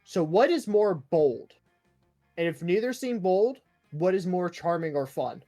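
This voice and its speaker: A man's voice: high voice, lively intonation, measured pace, mellow, faint music behind. A man playing a video game with friends, teasing them and reading the game's text aloud with dramatic flair. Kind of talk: casual gaming chat and playful narration.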